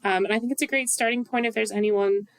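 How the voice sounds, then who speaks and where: A woman's voice: fairly high pitch, steady tone, fast talker. A woman co-hosting a podcast, talking in a chatty, enthusiastic way with lots of fillers. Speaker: podcast co-host. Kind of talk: casual podcast chat.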